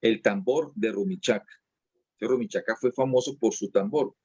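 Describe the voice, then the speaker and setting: A man's voice: fairly low pitch, normal speed, darkish tone, breathy edge, no room sound, lo-fi sound. A man, a dance teacher being interviewed, explaining at length in a casual way and often restarting and repeating his words.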